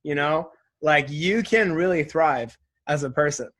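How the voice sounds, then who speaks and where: A man in his twenties is the guest in a relaxed, casual interview, speaking in a slightly high voice at an unhurried pace. Candid and reflective, he thinks aloud loosely, leaning on "like" and "right?"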